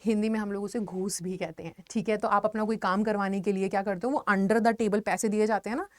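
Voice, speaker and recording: A woman's voice: mid-range voice, steady tone, a little fast, no echo. Indian woman teaching, dry close sound. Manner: explains patiently, repeats questions and answers for students. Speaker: English teacher. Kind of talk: online exam-prep lesson.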